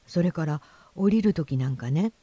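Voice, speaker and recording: A woman voicing a big boy goldfish who calmly explains things to the others. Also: low voice, moderate pace, breathy edge, no room sound. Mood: reassuring. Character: big boy goldfish, calm know-it-all leader.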